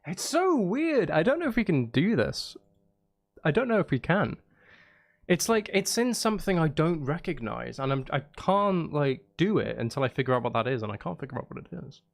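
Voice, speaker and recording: A man with a slightly high, creaky voice swings widely in pitch at normal speed during a casual music-composing stream. He thinks out loud, counting and humming rhythms, with music in the background.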